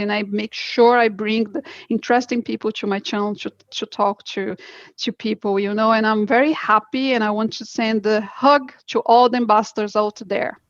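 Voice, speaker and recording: A Brazilian woman with a Brazilian Portuguese accent, a crypto educator, speaks English as a guest in an interview, earnest and enthusiastic and often restarting her sentences. Her voice sits in the mid-range, and the recording is dry and lo-fi.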